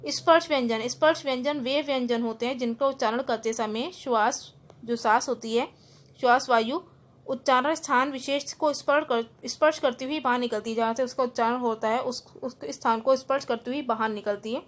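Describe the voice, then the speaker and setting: A woman teacher with a fairly high voice takes students through a grammar lesson. She breaks words apart sound by sound and then explains each rule again more simply, slipping English terms in along the way. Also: steady tone, brisk. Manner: spells out words letter by letter. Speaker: school teacher.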